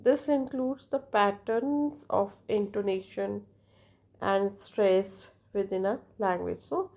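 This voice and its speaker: A woman giving a classroom lecture, halting with many fillers and restarts. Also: medium pitch, darkish tone.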